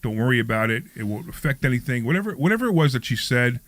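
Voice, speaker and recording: A man's voice: medium pitch, expressive, quick pace, a bit bright, no room sound. A man in his sixties hosting a radio talk show, chatting casually, rambling with frequent restarts. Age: 60s.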